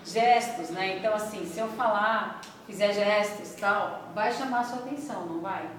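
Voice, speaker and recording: A woman's voice: mid-range voice, moderate pace, slight background noise. A woman teaching a classroom lesson in a conversational way, often checking in with her listeners. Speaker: instructor. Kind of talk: classroom lecture. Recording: echoey room, far from mic.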